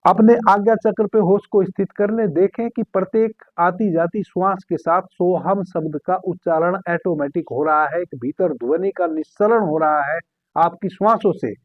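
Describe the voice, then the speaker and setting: A man calmly giving guided meditation instructions as a spiritual teacher, repeating key phrases slowly. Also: high voice, no room sound. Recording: tinny phone-like sound.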